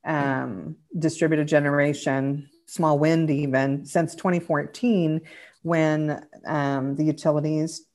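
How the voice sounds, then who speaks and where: Low voiced woman on a podcast, lots of ums, calm and explaining stuff. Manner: measured, frequent ums and restarts. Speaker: clean energy advocate guest. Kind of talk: casual podcast interview.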